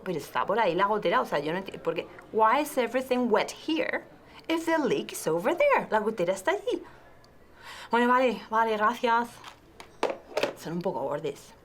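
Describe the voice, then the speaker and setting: A woman's voice: a little high, a little hiss or hum. A woman with a Spanish accent in a comic TV English lesson sketch, fussing and sighing in exasperation. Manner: fussy, exasperated sighs. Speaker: English teacher.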